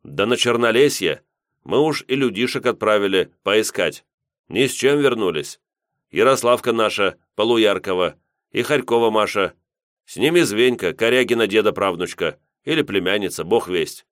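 A man's voice: lowish voice, lively intonation, normal speed, dry recording, studio quality, voice pushed up, close to an everyday voice. A man voicing a stout gray-bearded peasant farmer who speaks in a plain, folksy and solemn way. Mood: worried.

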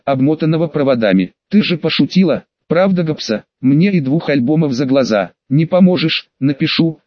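A man reading an audiobook narration in an even, steady manner. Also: a little high, dry recording, highs cut off.

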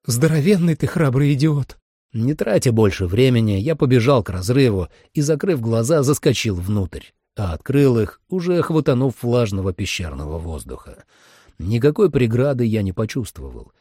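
Expressive husky male audiobook narrator. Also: medium pitch, no echo, clean studio sound. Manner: expressive, dramatic. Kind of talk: first-person audiobook narration.

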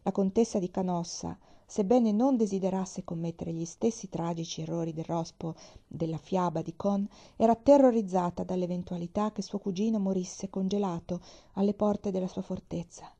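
A woman reads a novel aloud with calm, steady narration. Her voice is mellow and warm, and her reading is unhurried and even. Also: on the low side. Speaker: reader.

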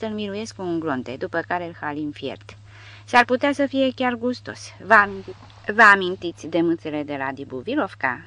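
Lady reading big crude soldier guy, brash and loud, lowish bouncy voice, dry sound. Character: crude giant male soldier, joking grimly.

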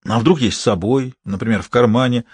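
A man reading an audiobook, voicing a sly, genial old vagrant preacher with a smooth, preachy manner. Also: medium pitch, a little fast, darkish tone, no echo, close to an everyday voice.

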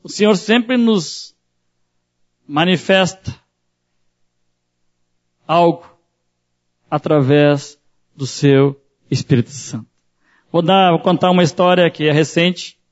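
A man's voice: fairly high pitch, takes it slowly, long pauses, muffled recording. A man preaching as a pastor, telling a personal story in a sermon and acting out the voices in it.

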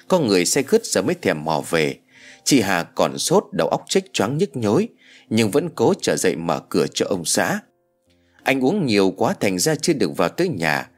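A male narrator tells an audio story in a lowish, animated voice with plenty of melody. His delivery is expressive, and faint music plays behind him. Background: soft background music.

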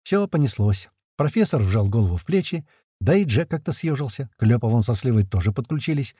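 A man narrating a first-person audiobook in an expressive, colloquial way. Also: mid-range voice, fairly quick, slightly rough, no room sound, clean studio sound.

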